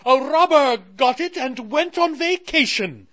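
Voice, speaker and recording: A man voicing a fussy, huffing queen of the moon, who speaks slowly and dramatically. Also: very high-pitched, expressive, bright, forceful tone, pitched above the performer's own voice, full character voice. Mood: fuming. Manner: huffy, slow and dramatic. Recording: dull, dry lo-fi recording.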